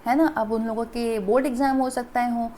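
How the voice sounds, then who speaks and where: A woman's voice: fairly high pitch, steady tone, a little fast, warm tone, a little hiss or hum. A woman teacher explaining a story to children and quizzing them with countdowns. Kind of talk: children's Hindi lesson, reading a story.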